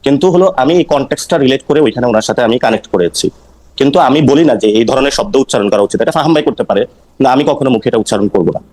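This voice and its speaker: A male political guest from Noakhali, Bangladesh, speaking at a very fast clip at a mid-range pitch. He explains himself insistently and restates points over and over. He answers an interviewer's challenges defensively. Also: a little mellow, rough recording. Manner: rapid, insistent, repeats himself when explaining.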